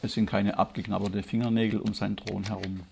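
A man's voice: little pitch movement, vocal fry, a little hiss or hum. German man preaching, rising fervor. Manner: grows loud and high-pitched when stirred, slow emphatic stresses. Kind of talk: sermon.

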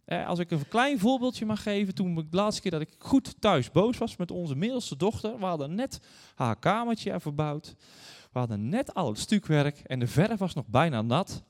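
A man in his thirties or forties delivers an earnest sermon, moving between scripture reading and personal stories. His voice sits a touch higher than most men's. It rings out with a long reverb trail in a large church hall. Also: expressive, normal speed, hardly any pauses, a little mellow. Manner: earnest, storytelling, addresses congregation directly. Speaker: guest preacher.

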